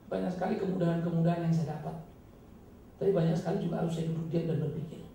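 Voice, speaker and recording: A male pastor giving an emphatic, dramatic sermon with sudden loud, high bursts, recorded from a distance in a church hall. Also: steady tone, rapid-fire. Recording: echoey hall, distant mic, faint noise.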